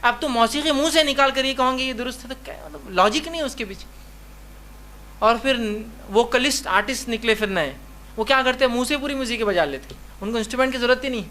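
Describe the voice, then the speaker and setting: A man's voice: extremely high pitch, pushed and bright, slight background noise. A male Islamic lecturer teaching in a conversational way, asking rhetorical questions and repeating his reminders often. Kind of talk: religious lecture.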